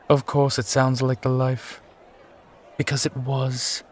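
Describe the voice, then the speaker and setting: A man's voice: medium pitch, little pitch movement, takes it slowly, a little hiss or hum, natural voice. A man playing a brooding, charming steampunk sky pirate captain and war veteran, talking wistfully and courteously in an immersive roleplay audio. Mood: defiant, reflective. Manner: wistful, courtly, rambling, given to sighs. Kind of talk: immersive one-sided roleplay audio acting.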